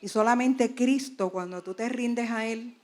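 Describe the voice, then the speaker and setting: A woman's voice: fairly high pitch, unhurried, a little mellow. A woman with a Puerto Rican accent, a pastor, telling the class her personal testimony in an earnest, fervent way.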